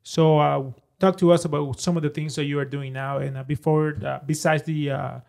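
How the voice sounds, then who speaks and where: A man's voice: a little high, level tone, normal speed, vocal fry, a little mellow. A man hosting a podcast in casual conversation, often giving short affirming replies. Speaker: podcast host.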